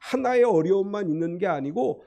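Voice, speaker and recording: A man's voice: high-pitched, expressive, fairly quick, gravelly, warm tone. A middle-aged male pastor preaching a sermon, earnest and pleading when he voices the psalmist's prayers.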